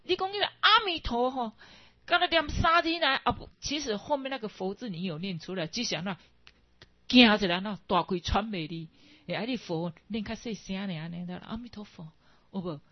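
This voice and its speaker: Husky Taiwanese woman giving a dharma talk. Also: mid-range voice, fairly quick, no room sound. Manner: digressive, mixes in Hokkien, frequent tag particles. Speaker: Buddhist teacher. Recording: dull, lo-fi dry recording.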